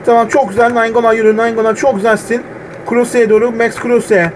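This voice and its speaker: A man streaming a football video game, groaning at misses and shouting players' names when they near the goal. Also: very high-pitched, little pitch movement, a little fast, background noise. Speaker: gaming channel host. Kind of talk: excited gameplay commentary. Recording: game music loud behind voice. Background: game music.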